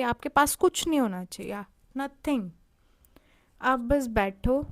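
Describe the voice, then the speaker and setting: High-voiced woman giving a motivational talk. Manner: conversational, asks the listener rhetorical questions; gives calm step-by-step guidance. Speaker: motivational speaker.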